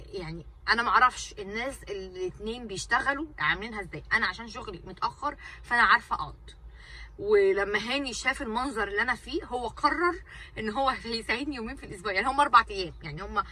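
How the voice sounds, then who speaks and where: Woman, Egyptian Arabic accent, exasperated mother venting to camera, slightly high voice, somewhat distant mic. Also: bright, forceful tone, slightly rough. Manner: exasperated, ranting, repeats herself for emphasis. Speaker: vlogger and mother.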